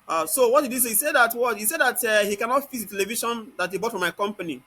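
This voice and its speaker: A man with a Nigerian accent gives an informal, step-by-step software tutorial, constantly posing rhetorical questions and answering them himself. His voice is very high-pitched and fast.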